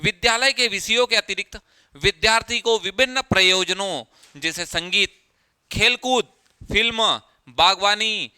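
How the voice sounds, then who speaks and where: A male teacher talks through an exam-prep lesson, asking himself rhetorical questions and repeating key phrases. His voice sits high and sounds crisp and clear. The recording is dry and close, with no room sound. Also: a little slow, pushed and bright, no echo.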